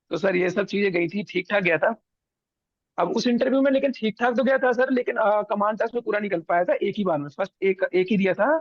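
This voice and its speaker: A man's voice: very high voice, dry recording, muffled recording. A young man from India, a guest on an interview show, telling his story casually and acting out what others said. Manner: animated, acts out others' lines.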